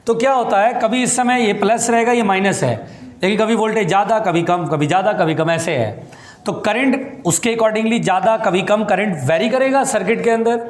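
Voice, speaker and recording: A man's voice: sits high, moderate pace, reverberant. A man teaching physics in a classroom, repeating his points, calling students "beta" and scolding anyone who chats. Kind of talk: classroom lecture.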